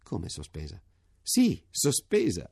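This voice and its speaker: A man voicing a gravelly, fretful old army major. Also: low-pitched, huge pitch swings, slow pace, a little mellow, no echo, clean studio sound, full character voice. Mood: elated. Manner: fretful questions, later earnest confiding. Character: anxious fiftyish army major, nervous then relieved.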